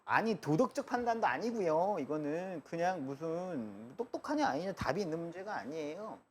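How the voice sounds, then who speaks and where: A man's voice: on the high side, very animated, moderate pace, slight background noise. A man teaching math in a live classroom lecture, chatty and joking, drifting between asides and explanation. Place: lecture room.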